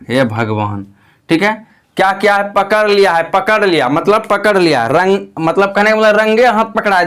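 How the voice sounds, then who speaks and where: A young man with a Bihari Hindi accent teaching English grammar online. His voice sits high and rings clean and smooth. He talks patiently, repeating phrases and reassuring students. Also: fairly bright tone.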